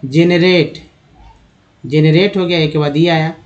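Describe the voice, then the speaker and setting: Man, raised pitch, slow and deliberate as a spelling teacher. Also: steady tone, muffled recording. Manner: slow, syllable-by-syllable sounding out of words. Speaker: English teacher. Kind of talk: spelling and pronunciation lesson.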